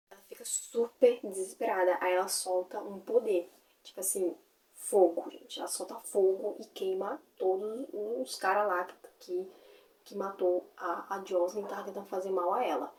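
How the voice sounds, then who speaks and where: A woman's voice: medium pitch, fairly even intonation, moderate pace, darkish tone, recorded from a distance. A woman recapping a fantasy novel in a casual, chatty way, full of fillers. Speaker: book reviewer.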